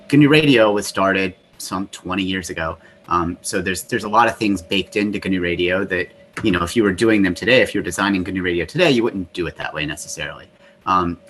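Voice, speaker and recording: A man's voice: lowish voice, pushed and bright, rough recording. A man giving a technical talk on a video call through a laptop mic next to its whirring cooling fans, explaining with frequent restarts. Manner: explanatory, restarts often with "you know". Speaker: software developer presenting. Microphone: laptop built-in mic next to the cooling fans. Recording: laptop fan noise under the voice.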